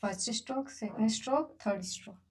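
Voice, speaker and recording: A woman's voice: fairly high pitch, fast, darkish tone. Patient woman teaching writing. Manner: patient, counts strokes aloud while writing. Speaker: Japanese teacher. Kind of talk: beginner writing lesson.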